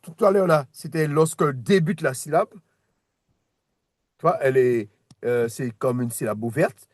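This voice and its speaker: A man's voice: mid-range voice, unhurried, no room sound, clean studio sound. A man teaching a one-on-one reading lesson, patient, repeating words and restarting his sentences as he explains. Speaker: Hebrew teacher.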